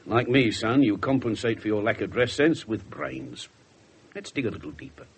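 An actor playing a cynical, slovenly middle-aged police inspector with a British accent, offhand and sardonic, in a 1970s radio drama. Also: male voice, medium pitch, normal speed, husky. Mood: wry, dismissive. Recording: slightly noisy 1970s radio recording.

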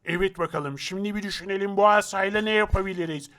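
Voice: mid-range voice, fast, fairly bright tone, close to an everyday voice. A performer voicing a hungry older brother who is a thief and scolds his younger brother. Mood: gruff scheming. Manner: gruff and scolding.

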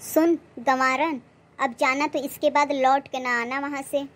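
A nasty young co-wife in a cartoon. high, sharp-sounding voice, sneering and bossy, hurling insults and barking orders. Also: female voice, steady tone, unhurried. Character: spiteful young second wife, haughty and bossy.

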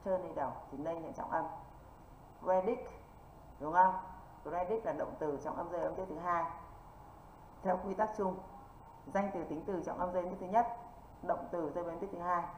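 A northern Vietnamese woman teaches an exam-prep English class, drilling rules and tossing quick check-in questions at her students. Her voice sits a little low. The sound is echoey and dull, with faint hiss behind it. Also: fairly even intonation. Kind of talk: online exam-prep lesson.

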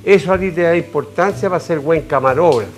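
An older Chilean man in his sixties talks casually as an interview guest. His voice sits fairly high for a man as he reminisces and explains, recorded on a lapel mic in a studio. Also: quick pace, soft background music. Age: 60s. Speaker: interview guest, veteran television cameraman. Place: television studio. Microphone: lapel microphone.

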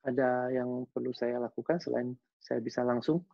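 A man giving a lively webinar lecture, acting out facial expressions with casual slang asides. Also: mid-range voice, moderate pace, gravelly, no room sound. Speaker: behavioral analyst giving a webinar talk. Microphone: video call. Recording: dull lo-fi video call audio.

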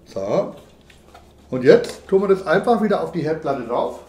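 A man's voice: fairly high pitch, sing-song, measured pace, warm tone, slight background noise. A man cooking in his home kitchen, explaining each step to viewers in a chatty, instructive way. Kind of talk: casual cooking demonstration. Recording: echoey kitchen with cooking clatter. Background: clattering dishes, pans and cutlery.

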